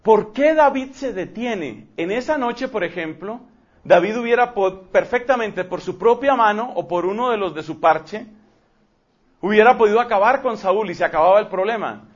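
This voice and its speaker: A man preaching a sermon, telling a story emphatically and rushing through asides. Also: high-pitched, expressive. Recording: dull lo-fi recording.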